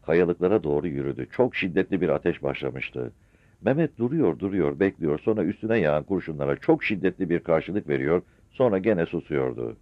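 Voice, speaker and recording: A deep-voiced man narrates a dramatic story with a lively, rising and falling delivery. The recording is dull and dry, like an old radio broadcast. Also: dry recording. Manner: expressive, storytelling.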